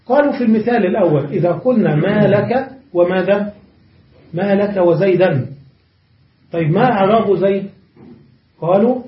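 High-pitched guy teaching grammar class, keeps asking the room questions, echoey and muffled, sounds far off. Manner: explains step by step with rhetorical questions.

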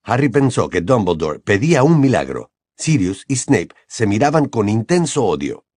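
A man narrating an audiobook with an expressive reading voice. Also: on the low side, normal speed, husky, no room sound, clean studio sound. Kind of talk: scripted narration.

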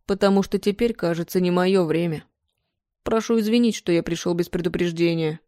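A brusque male painter answers in short, clipped lines, read by a woman. Her voice stays dark and mellow, in a dry, close recording. It is plain storybook reading rather than heavy acting. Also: fairly low pitch, brisk, no echo, natural voice. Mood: curt. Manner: curt and brusque. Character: male painter, curt, irritated, then tender.

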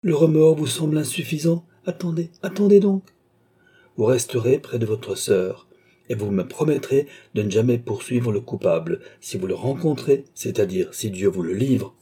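A man's voice: medium pitch, normal speed, dark tone, slightly rough, close to an everyday voice. A man voicing a grave older doctor in a novel reading, exhorting with solemn authority. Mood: vehement. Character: stern older male doctor, grave moralist. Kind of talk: audiobook character voice.

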